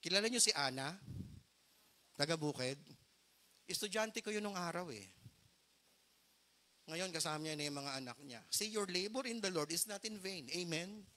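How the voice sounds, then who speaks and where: A man's voice: high-pitched, expressive, normal speed, pauses often, bright, forceful tone. A middle-aged man preaching a storytelling sermon as pastor, earnest and mixing English phrases into his Tagalog.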